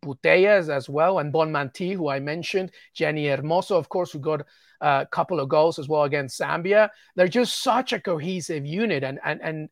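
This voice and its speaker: A man analyses soccer as an interview guest, talking fluently and eagerly but stumbling over repeated words. His voice sits a touch high for a man. The recording is dry and close, with no room sound. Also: normal speed, no echo. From England. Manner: fluent and enthusiastic, with frequent stammered repeats.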